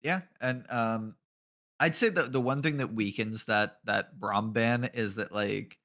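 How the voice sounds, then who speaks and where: A man's voice: lowish voice, measured pace, a bit bright. A man giving casual live commentary on an esports draft as a color caster. He jokes, laughs often and swears offhandedly.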